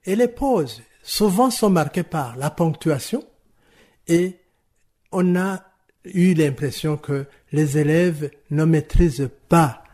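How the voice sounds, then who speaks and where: A man explaining French rhythm and stress to teachers in a slow, measured, didactic way, answering interview questions. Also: a little high, lively intonation, a little mellow. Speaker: language teaching expert.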